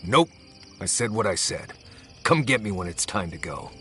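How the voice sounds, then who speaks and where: An actor playing a bitter, sarcastic adventurer companion in a fantasy video game, lashing out in scornful tirades. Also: male voice, on the low side, big pitch swings, moderate pace, a bit bright, soft background music. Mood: curt. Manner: scornful, heated outbursts.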